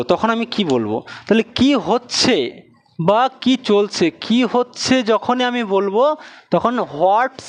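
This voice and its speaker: A man who speaks Bengali natively, teaching English in a slow, repetitive classroom drill, often quizzing with questions. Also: high voice. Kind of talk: classroom lesson with repeated drills.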